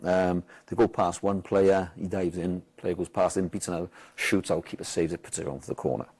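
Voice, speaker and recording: This football manager from Wales, low-voiced and slightly rough, talks a little fast as he shares a match story casually. He curses freely and animatedly acts out people's words at volume.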